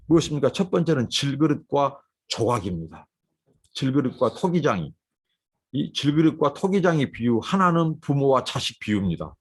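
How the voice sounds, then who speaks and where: A man's voice: mid-range voice, slightly rough. A man preaching a morning sermon as a pastor. He asks emphatic rhetorical questions and voices the objectors' complaints in a quoting tone. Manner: voices the complaints of the clay pot and the child in a quoting tone.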